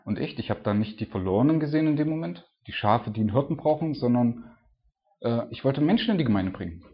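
A man preaching a relaxed, conversational sermon, tossing in little tag questions as he goes. His voice sits at an everyday middle pitch. The recording is dull and somewhat lo-fi. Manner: chatty, keeps adding "ne?"; reads scripture aloud louder and slower. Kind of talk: informal sermon. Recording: dull lo-fi sound.

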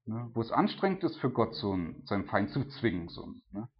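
A man's voice: fairly low pitch, big pitch swings, fairly quick. A man giving a casual, conversational sermon, chatty and full of tag questions and filler words. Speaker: preacher. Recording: dull lo-fi recording.

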